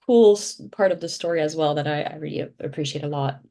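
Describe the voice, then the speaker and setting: A woman's voice: low-pitched, fast, dark tone. A woman who grew up in Belgium, a brand founder and podcast guest, explaining her product in a chatty way with many restarts. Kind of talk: casual podcast interview.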